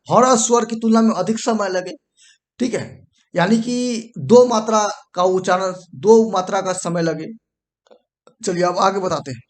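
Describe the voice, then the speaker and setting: A male teacher giving a whiteboard grammar lesson, repeating himself, checking in often and stopping to fix what he wrote. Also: sits high. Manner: repetitive, checks in with "ठीक है"; pauses to correct and erase the board.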